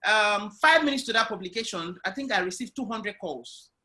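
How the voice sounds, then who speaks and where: A male guest entrepreneur tells the story of his ventures during an online interview, heard via video call. He sounds high-pitched and bright, speaking loudly, with lots of animation and a slightly quick pace.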